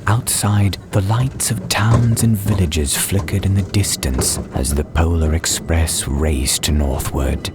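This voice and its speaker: Very deep, slow male storyteller. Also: loud music behind the voice. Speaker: audiobook narrator. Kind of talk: scripted dramatized storybook narration. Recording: clear ambience and train noise behind. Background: soundscape of train and ambience.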